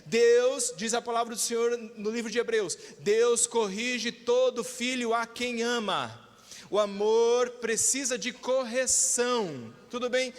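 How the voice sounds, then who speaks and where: A male pastor with a Brazilian Portuguese accent preaches an emphatic sermon, calling for amens and acting out voices. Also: very high voice. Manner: emphatic, calls for amens, acts out quoted voices. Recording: reverberant church hall.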